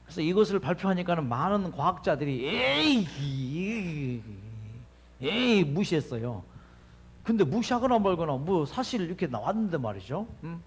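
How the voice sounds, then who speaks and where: Male health lecturer, high voice with big swings, rhetorical questions to the room. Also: a little fast, breathy edge. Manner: animated, asks the audience questions and answers himself.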